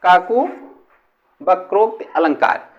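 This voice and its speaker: A man teaches a grammar lesson at an unhurried pace, stretching out example phrases one word at a time. His voice sits high and swings widely in pitch. The recording sounds a little dull and lo-fi. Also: lively intonation. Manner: slow, repetitive, drawing out example sentences word by word. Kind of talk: classroom-style lesson explaining a figure of speech.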